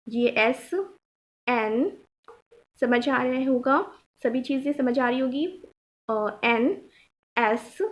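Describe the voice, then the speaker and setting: A woman's voice: on the high side, dull audio. A woman teaching shorthand step by step, patiently repeating each point and checking that her students follow. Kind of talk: step-by-step tutorial explanation.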